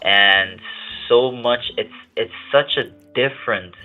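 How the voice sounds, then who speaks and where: A man's voice: medium pitch, slow pace. Man calling in on a speakerphone. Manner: hesitant, restarts and repeats words. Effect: on speakerphone over a phone line. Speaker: caller. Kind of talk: casual call-in chat. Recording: tinny phone line with faint music.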